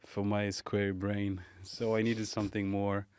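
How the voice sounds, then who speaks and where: A man from Morocco, a pastry chef guest in a casual interview, speaking thoughtfully with many pauses and fillers. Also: lowish voice, completely flat delivery, a little mellow, clean tone.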